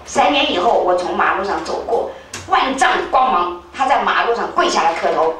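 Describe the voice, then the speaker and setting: An older woman telling a religious testimony as a spiritual leader, animated, acting out voices with sudden high leaps. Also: normal speed. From Taiwan. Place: temple hall. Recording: very echoey hall, distant mic, faint hiss.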